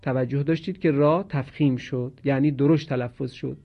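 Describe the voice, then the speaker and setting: A man teaching Quranic pronunciation in a slow, measured lesson, drawing out each example word as he recites it. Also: medium pitch, fairly even intonation, lo-fi sound.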